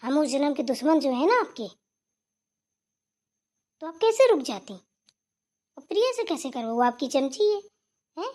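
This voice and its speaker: Cartoon sister-in-law, sharp-tongued and lazy, played by a woman with a high, blunt, scolding voice. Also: very animated, a little slow, pauses often. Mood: sarcastic. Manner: blunt, scolding, repeats "theek hai na". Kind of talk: cartoon voice acting.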